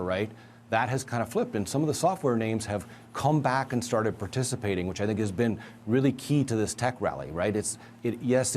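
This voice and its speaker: A man giving a measured, analytical market view as a guest in a financial news interview. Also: fairly low pitch, a little mellow, a little hiss or hum. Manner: measured, analytical, emphatic asides.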